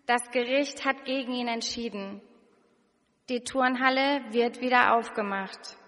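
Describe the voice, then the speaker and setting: A woman's voice: fairly high pitch, bright, forceful tone, long reverb tail. A woman preaching a sermon, reading scripture and asking the listener searching questions in an earnest way.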